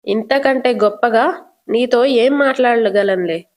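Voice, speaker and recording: A woman's voice: fairly high pitch, unhurried, a little mellow, close to an everyday voice. A woman voicing a distressed middle-aged wife who speaks in a hurt, earnest way.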